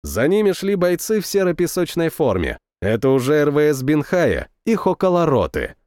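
A man's voice: a little high, wildly swooping pitch, normal speed, darkish tone, dry recording. A man reading a first-person war story in a matter-of-fact way, close to the mic. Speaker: audiobook narrator. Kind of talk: first-person audiobook narration.

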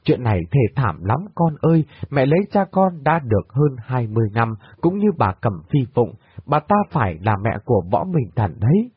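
A man's voice: mid-range voice, big pitch swings, normal speed, slightly rough, dry recording. A man voicing a grief-stricken older mother who speaks in a choked, sobbing lament. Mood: grieving. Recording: dry, tinny phone-like sound.

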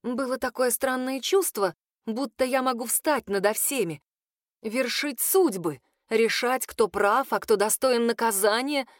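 Female audiobook narrator; steady, expressive first-person reading, dry close sound. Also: a little high, a little slow, no room sound.

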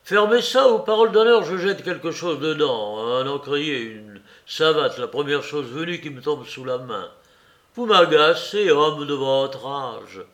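A man's voice: mid-range voice, animated, slow, a bit bright. A man voicing a brusque, irritable office clerk who scolds and snaps at a colleague. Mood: shouting. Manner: curt, scolding, snapping.

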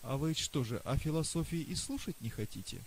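Man reading as old male professor, boastful, excitable, raised pitch, faint hiss. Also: poor audio. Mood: earnest. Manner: lively, boastful, rapid questioning.

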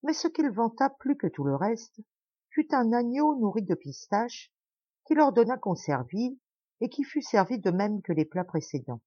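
A woman narrates an old tale for an audiobook in a measured, expressive way. Her pitch moves with lively swings. The recording is dull and lo-fi, close and without room sound. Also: slightly rough, no echo. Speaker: audiobook reader. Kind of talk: scripted narration.

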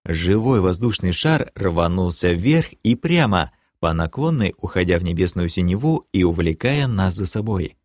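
A man narrating a fantasy audiobook in first person, dramatic and lively, breaking into shouted lines. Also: low-pitched, moderate pace, hardly any pauses, no echo, clean studio sound. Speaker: audiobook reader.

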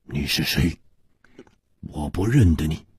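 A male storyteller voicing a grim masked male swordsman who speaks harshly in a hoarse voice in a radio story. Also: a bass voice, lively intonation, slow, a little mellow, no echo, studio quality, voice pushed down, full character voice.

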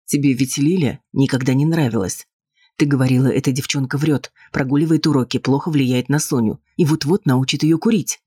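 A man's voice: medium pitch, fairly quick, a little mellow, breathy edge, no room sound, clean studio sound, lightly acted. A man reading an audiobook, voicing a cold, condescending husband. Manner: cool, patronizing, dismissive.

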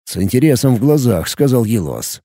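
A man narrating a fantasy audiobook with an expressive storytelling delivery. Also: medium pitch, fairly quick, breathy edge, dry recording, clean studio sound.

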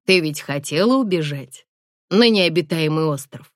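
Woman doing a calm, teasing young man. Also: on the low side, moderate pace, no room sound, clean studio sound. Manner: dryly mocking, unruffled.

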